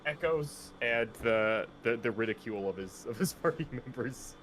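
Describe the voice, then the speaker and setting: A man's voice: mid-range voice, expressive, fairly bright tone, a little hiss or hum. A man playing a tabletop game, talking casually and jokily. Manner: quick, laughing, jokey. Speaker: player.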